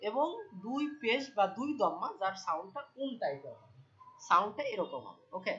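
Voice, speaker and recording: A woman's voice: on the high side, fairly bright tone, muffled recording. A woman teaching Quran reading step by step, patiently repeating each point and checking that the students follow. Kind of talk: step-by-step lesson.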